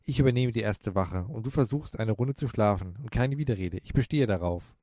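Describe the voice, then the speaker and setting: Brisk tough young woman voiced by a man, storybook character, low voice, dry sound. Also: animated, dark tone, no room sound.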